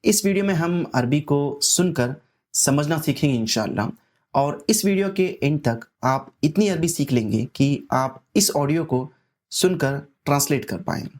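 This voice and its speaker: A man teaching a language lesson, explaining slowly and patiently and repeating his instructions. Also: fairly high pitch, lively intonation, a little mellow. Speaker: Arabic teacher.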